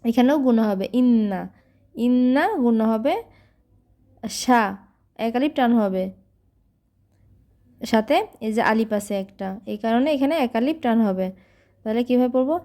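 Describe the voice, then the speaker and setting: A high-voiced woman teaching Quran recitation, with a mellow, soft tone. She chants each verse slowly, stretching out its sounds, then explains the pronunciation patiently and repeats it for her learners. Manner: slow drawn-out chanted recitation alternating with explanation.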